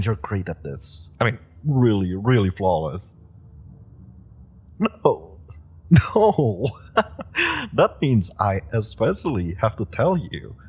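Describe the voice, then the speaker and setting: In a scripted audio roleplay addressed to the listener, a voice actor plays an eager, pushy young superhero rookie with super powers. His husky, low voice is a bit bright and heavily acted, and he talks persuasively, punctuating his pitch with playful laughs.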